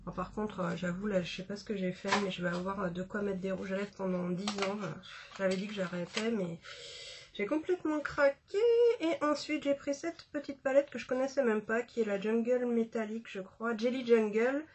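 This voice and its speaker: A woman's voice: mid-range voice, steady tone, fairly quick, a little hiss or hum. A woman chatting casually about a makeup haul, with many fillers and restarts. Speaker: beauty vlogger.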